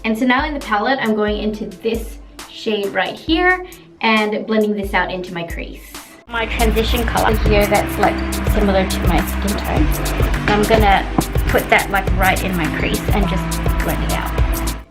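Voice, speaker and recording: A woman from Australia talks through a makeup tutorial in a chatty, self-deprecating way at a mid-range pitch. Clear background music plays under her voice the whole time. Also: moderate pace. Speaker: beauty vlogger. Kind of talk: casual makeup tutorial and reaction.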